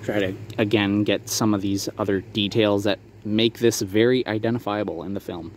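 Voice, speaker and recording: Halting man with clear background noise. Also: fairly low pitch, steady tone. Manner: halting, explanatory, hedging. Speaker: maker showing a handmade prop replica for sale. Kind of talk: casual product showcase vlog.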